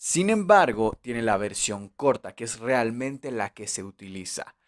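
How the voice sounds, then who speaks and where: Slow, patient man teaching English. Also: medium pitch, lively intonation. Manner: patient, repeats English words slowly for learners. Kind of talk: beginner language lesson.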